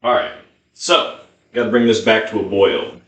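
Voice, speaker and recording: A man's voice: lowish voice, fairly even intonation, moderate pace, fairly bright tone. A man rambling casually as he cooks, swearing freely and muttering to himself. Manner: foul-mouthed, muttering to himself. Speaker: home cook filming himself. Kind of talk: casual rambling cooking chat. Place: indoor kitchen. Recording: roomy, echoey indoor sound.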